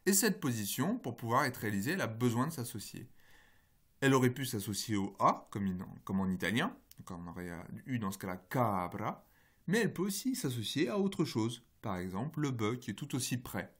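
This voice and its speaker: A man's voice: mid-range voice, slightly rough. A man with a French accent lectures on a university course. He explains patiently, one step at a time, and often turns to his students with direct questions.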